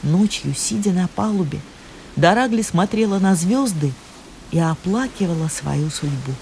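A woman narrating a fairy tale with expressive storytelling. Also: lowish voice, normal speed, gravelly, slight background noise. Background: faint music.

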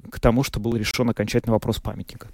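A man's voice: fairly low pitch, flat delivery, racing, darkish tone, dry recording. A male co-host of a radio news show who comments in the studio and searches for words with many fillers.

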